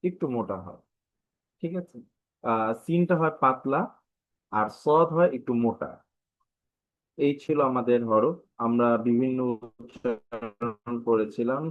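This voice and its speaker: A man teaching Arabic letters in an online live class, drilling each sound aloud and repeating it. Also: mid-range voice. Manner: opens with Arabic recitation. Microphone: online live class audio. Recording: tinny phone-like online audio.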